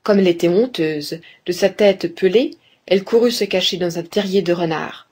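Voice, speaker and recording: Husky-voiced woman reading a fairy tale. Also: on the low side, moderate pace. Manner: calm, clear storybook narration, addresses the reader. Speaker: storyteller.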